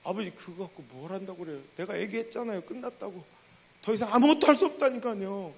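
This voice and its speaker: A man voicing his young boyhood self, crying in despair over ruined homework, with a drawn-out rustic drawl. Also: high-pitched, gravelly, slightly rough, voice pushed up, heavily acted. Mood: pleading.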